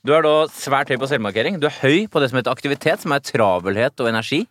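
A man co-hosting a talk show, calmly explaining personality test scores. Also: medium pitch. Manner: measured, explanatory, lists scores. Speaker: podcast co-host.

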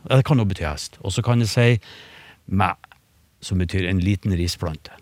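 A man explaining word sounds in a relaxed radio conversation, with frequent fillers and restarts. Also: sits low, dry recording. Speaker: phonetics expert. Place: radio studio.

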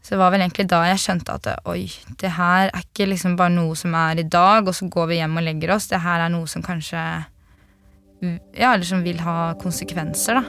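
A young woman giving a vivid eyewitness account in an interview, acting out the shouts of people around her. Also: fairly low pitch, steady tone, no echo. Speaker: interviewee, partygoer.

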